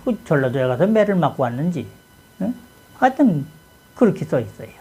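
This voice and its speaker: Host, man from Chungcheong, Korea. Folksy rhetorical-question talker, gravelly and mellow, for a casual talk. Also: fairly high pitch, sing-song, brisk, poor audio. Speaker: channel host. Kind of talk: casual talk on classic texts.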